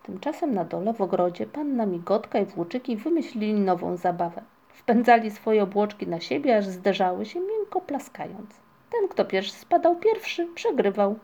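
A woman narrating a children's storybook in a calm, even manner. Her voice is soft and mellow, with a mid-range pitch. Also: moderate pace, creaky, few pauses, husky. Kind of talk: storybook reading.

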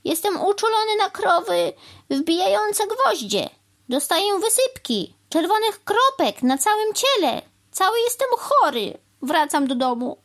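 A shrill, fussy male crow, put on by a woman reading a children's story, lecturing in a high voice that leaps up and down. He spells things out slowly, word by word, sure that he alone knows the proper way of things. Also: very animated. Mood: exasperated. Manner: lecturing, slow and overly clear.

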